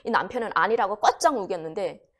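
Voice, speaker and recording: A woman's voice: medium pitch, fairly quick. A woman telling a crime story in a conversational way, acting out the quoted voices. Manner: animated, acts out quoted voices. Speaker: guest storyteller.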